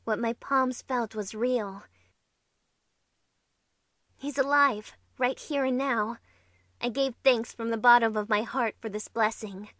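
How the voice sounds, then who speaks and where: As narrator and lead in an amateur fan dub, a woman plays an anxious, emotional young survivor, telling a scripted drama in the first person with earnest, tense, heartfelt feeling. Her fairly high, bright voice is steady and slow, with long pauses. The studio-quality recording has no room sound, with music playing behind her.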